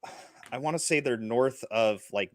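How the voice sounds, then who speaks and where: A man hosting a laid-back live-streamed movie chat. He rambles and fills pauses with uh's. His voice has a middling pitch and sounds dry and close to the mic. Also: no room sound. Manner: rambling, full of uh fillers. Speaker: podcast host.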